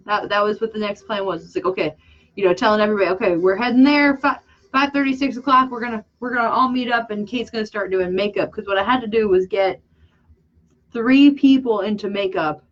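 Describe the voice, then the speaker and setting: A woman hosting a casual livestream chat, rambling excitably and losing her train of thought. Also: medium pitch. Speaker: channel host and makeup artist. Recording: dull lo-fi sound.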